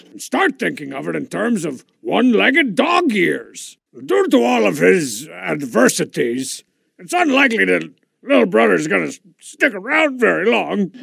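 A hot-headed cartoon wrestler, super gravelly, voice swoops all over, showoff type. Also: male voice, high-pitched, a bit bright, dry recording, exaggerated voice. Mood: explanatory. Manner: brash, theatrical, exasperated. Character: short-tempered, boastful masked cartoon wrestler man. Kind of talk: cartoon voice acting.

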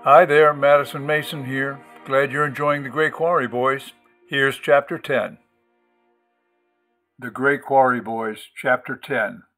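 A man narrating a book chapter for a podcast. His reading is steady and measured, with a voice of ordinary middle pitch. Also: soft background music. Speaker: audiobook host and reader. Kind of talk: audiobook narration.

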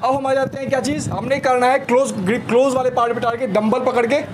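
Traffic and street noise come through in this outdoor rooftop recording of a young fitness trainer. Speaking in a high voice, he runs a home workout demonstration with brisk, energetic coaching, leaning on counts and repeated "slowly slowly."

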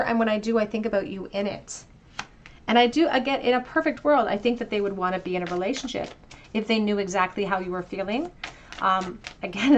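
Gentle woman giving a tarot reading. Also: mid-range voice, a little hiss or hum. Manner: gentle, reflective, talks directly to the viewer. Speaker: tarot reader. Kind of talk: pick-a-card tarot reading.

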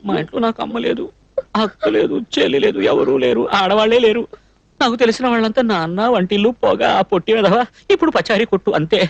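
A fussy, blustering young cook. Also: male voice, high voice, lively intonation, creaky, no echo, lo-fi sound, heavily acted. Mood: flustered. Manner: scolding, rambling, quick outbursts. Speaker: dubbed film actor. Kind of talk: dubbed film comedy acting.

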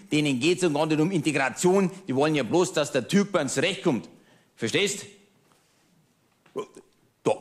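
A man's voice: high-pitched, pitched above the performer's own voice. A man doing a smug Bavarian barroom blowhard. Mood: scornful. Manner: ranting, self-satisfied, keeps asking "verstehst?". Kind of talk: cabaret monologue.

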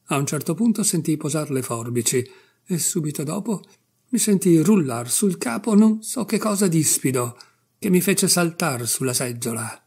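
A man reading a short story aloud in an expressive, measured storytelling manner, with a husky, gravelly voice. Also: medium pitch. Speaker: audiobook reader.

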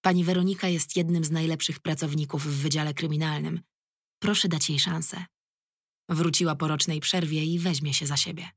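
A woman voicing a weary middle-aged male police commander, gruff but fatherly, who speaks firmly and plainly. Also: deep voice, steady tone, brisk, no room sound, clean studio sound. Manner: firm, tired and plain-spoken.

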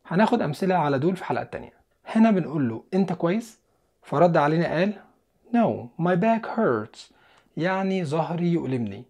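An English teacher with an Egyptian Arabic accent who explains in Egyptian Arabic and says English words and sentences slowly and clearly for beginners. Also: medium pitch, expressive, darkish tone. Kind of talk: language lesson for beginners.

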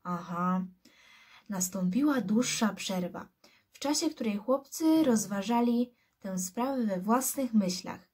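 A woman reading a novel aloud as a scout, in slow, hushed storytelling. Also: a little high, husky. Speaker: scout reader.

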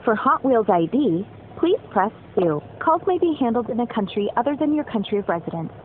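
A woman's recorded phone menu message, a polite, measured scripted announcement for a customer service line. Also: fairly high pitch, big pitch swings. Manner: polite, measured, evenly paced. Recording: tinny phone line with faint hiss.

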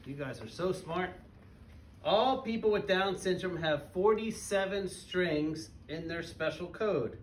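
In a small elementary school classroom, a parent in his thirties visits as a guest reader and reads a picture book to young children, keeping his phrasing simple and asking them questions along the way. His voice is high and unhurried. He speaks through a face mask to a camera a few metres off, so the sound is roomy and distant with background noise.

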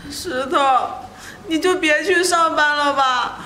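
A woman playing a timid, tearful young wife in a short family drama, speaking softly and pleadingly. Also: high-pitched, takes it slowly, heavily acted. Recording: echoey room, faint background noise.

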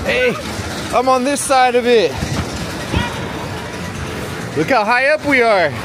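Outdoors at a busy fairground, a man films his kids for a casual family vlog, playfully teasing and cheering them on. His voice is extremely high and animated but slow, heard over music amid loud crowd and fair noise.

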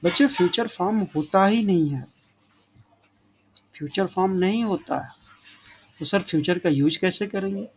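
Male grammar teacher, slightly high voice, patient classroom explaining, faint hiss. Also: normal speed, pauses often, rough recording. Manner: addresses students as children, frequent checking tags. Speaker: English teacher.

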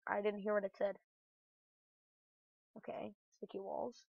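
A woman's voice: mid-range voice, level tone, measured pace, vocal fry, darkish tone, dry recording. A woman playing a platform game and commentating casually, getting flustered and exclaiming at the game. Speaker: gamer. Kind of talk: let's play commentary. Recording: dull lo-fi dry recording.

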